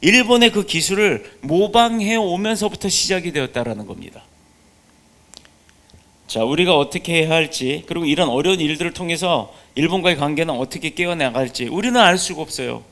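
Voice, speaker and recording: Male pastor, sermon, high voice, emphatic, poses rhetorical questions. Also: expressive, fairly quick, a bit bright.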